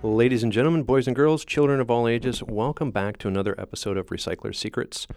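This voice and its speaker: A man's voice: medium pitch, fast talker, vocal fry, a little mellow, no room sound, studio quality, faint music behind. A man hosting a podcast, announcing the show in an emphatic, showman-like ringmaster manner. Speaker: podcast host and interviewer.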